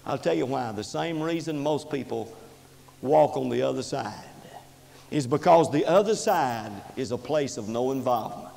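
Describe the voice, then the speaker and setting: A man preaching a sermon in a church, impassioned, rising and falling sharply in pitch and loudness. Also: normal speed, gravelly. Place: church sanctuary. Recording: reverberant church hall recording.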